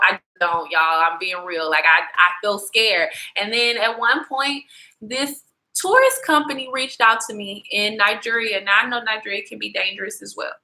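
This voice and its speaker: Bright-voiced chatty young woman vlogger. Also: mid-range voice, rough recording. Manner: chatty, slangy and profane, talks to viewers directly. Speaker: travel vlogger. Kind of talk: casual livestream chat.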